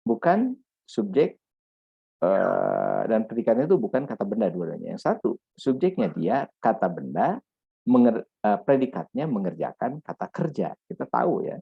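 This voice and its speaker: A man's voice: lowish voice, big pitch swings, normal speed, creaky, husky, dry recording. A man lecturing on grammar in a patient, repetitive way, checking in with "ya" often. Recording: dull lo-fi dry recording.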